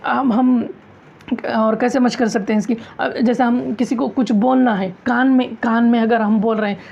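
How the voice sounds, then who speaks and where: A woman's voice: fairly high pitch, steady tone, normal speed, gravelly. A woman teaching a recitation class, asking questions, answering them herself and repeating key phrases. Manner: demonstrates sounds aloud, loud and drawn out. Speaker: tajweed teacher. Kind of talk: classroom lesson on Quran recitation. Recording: dull lo-fi classroom recording.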